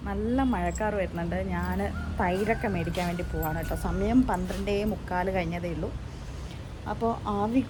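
A woman's voice: fairly low pitch, background noise. A woman chatting casually to her viewers in a family vlog and talking sweetly to her small son. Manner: chatty, addresses viewers with frequent tag questions; playful baby-talk with her small son. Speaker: family vlogger. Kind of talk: casual home vlog chat.

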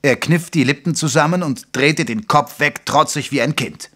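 An actor playing a sober Victorian doctor who narrates a detective adventure in a German audio drama. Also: male voice, fairly high pitch, normal speed, bright, forceful tone. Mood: sober narration. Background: music.

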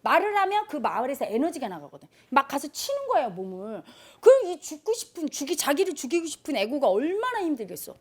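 A woman's voice: high-pitched, fast, few pauses. A woman giving a spiritual lecture to a group, telling stories and acting out the people in them. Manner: animated storytelling, acting out quoted people. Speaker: spiritual teacher.

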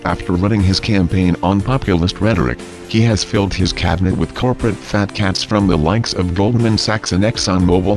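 A man reads a scripted political message as narrator, in a solemn, measured way. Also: sits low. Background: music.

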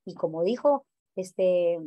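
A woman's voice: fairly low pitch, lively intonation, slow, no echo, highs cut off. Woman teaching an online class, dry sound. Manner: questioning, explanatory, many fillers.

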